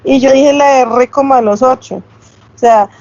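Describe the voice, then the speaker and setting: A high-pitched woman teaches a class, explaining terms patiently and asking her students if they follow. The sound is a little dull and lo-fi, picked up by a computer mic. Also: a little slow, darkish tone. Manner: explanatory, checks with tag questions. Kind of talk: online class lecture.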